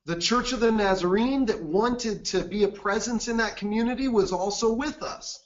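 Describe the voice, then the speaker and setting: Man, high-pitched, seminar presenter, earnest measured delivery, dull recording. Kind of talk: webinar presentation with anecdote.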